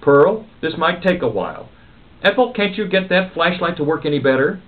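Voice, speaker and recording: A man's voice: a little high, expressive, normal speed, distant mic, voice pushed up, close to an everyday voice. A man voicing a practical old woman who gives orders and takes charge. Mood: bossy. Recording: narrow phone-like sound.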